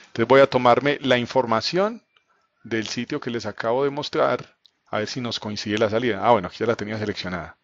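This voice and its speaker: A male programming instructor teaches a live online class, walking through code on screen step by step and quizzing students. He often checks in with quick questions and uses fillers like "entonces" and "¿cierto?". His medium-pitched voice has no room sound, and the audio is dull.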